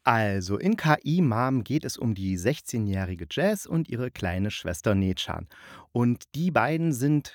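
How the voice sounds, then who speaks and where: In this chatty review monologue, a podcast host riffs on audio dramas in a loose, colloquial way with plenty of tongue-in-cheek phrasing. His mid-range voice has lively intonation and a slightly slow pace, captured in clean studio sound without room echo.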